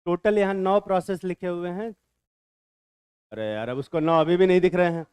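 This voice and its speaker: A man's voice: sits high, normal speed, a little mellow, smooth, no room sound. Joking Indian male chemistry teacher. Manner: bantering, quizzes students and answers himself. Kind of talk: classroom lecture.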